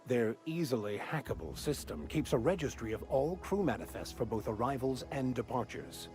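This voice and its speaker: Wry worldly vicar with a lively, rising-and-falling delivery and faint music behind, a man acting it out. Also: medium pitch, moderate pace, lightly acted. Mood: measured. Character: worldly male vicar turned hacker. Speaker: game companion. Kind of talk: video game voice acting.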